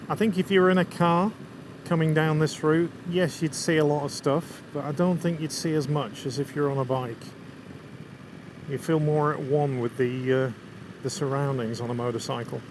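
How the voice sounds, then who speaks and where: Riding outdoors, an English motorcyclist with a Lancashire accent keeps up friendly, eager commentary for his viewers about the bike and the views. His voice is slightly high and steady at a moderate pace, with continual road, wind and vehicle noise behind it.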